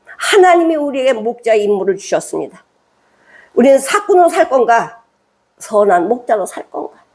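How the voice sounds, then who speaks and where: A woman pastor gives a sermon with a rather high, husky voice. She reads scripture aloud, then talks it through plainly, with many rhetorical questions put to her listeners. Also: sing-song, normal speed, darkish tone. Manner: conversational preaching with rhetorical questions.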